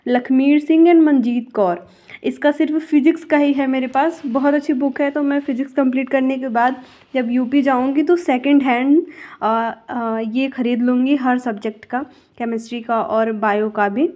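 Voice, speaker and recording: A woman teacher talks over her own study vlog in a loose, chatty way. She rambles and stops to fix her own words as she goes. Her voice sits a touch higher than most. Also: darkish tone. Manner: chatty, rambling, self-correcting. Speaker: school teacher.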